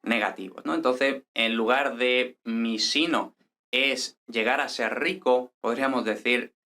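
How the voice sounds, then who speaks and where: A man gives a patient grammar lesson, often asking "¿vale?" and reading example sentences slowly with stress. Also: mid-range voice, bright, forceful tone. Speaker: Spanish grammar teacher.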